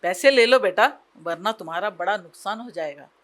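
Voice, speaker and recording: A woman voicing a gentle, soft-spoken middle-aged father in a storybook tale. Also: medium pitch, expressive, normal speed, close to an everyday voice.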